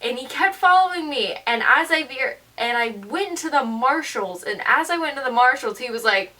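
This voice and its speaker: A seventeen-year-old girl vlogs in a casual, slangy storytelling style, her high, bright voice full of animated emphasis and mimicked asides. She talks a little fast and sits far from the mic.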